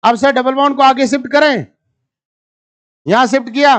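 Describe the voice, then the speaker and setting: High-pitched, bantering chemistry teacher. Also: male voice, normal speed, fairly bright tone. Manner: teasing, bantering with students; talks through problems step by step, asks students for answers. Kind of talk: live classroom lecture.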